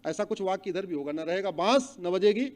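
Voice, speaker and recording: A middle-aged man with a very high-pitched voice delivers a rousing public speech. He chants long lists of wrongs at full volume and urges the audience to shout the words back. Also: a little fast. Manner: rousing, chants long lists loudly and asks the crowd to repeat. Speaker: public speaker. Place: hall with an audience.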